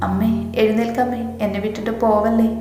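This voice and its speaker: A woman's voice: fairly high pitch, flat delivery, normal speed, lightly acted. Woman doing a defiant grieving son. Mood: desperate. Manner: defiant, pleading. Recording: echoey room with reverb. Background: soft music.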